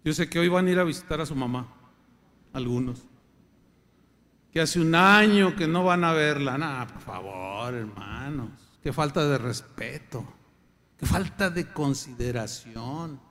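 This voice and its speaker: A man's voice: on the high side, expressive, a little slow, fairly bright tone. Older male pastor, Mexican accent, emphatic sermon delivery, long church-hall reverb. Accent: Mexican Spanish. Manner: emphatic preaching, acts out quoted voices.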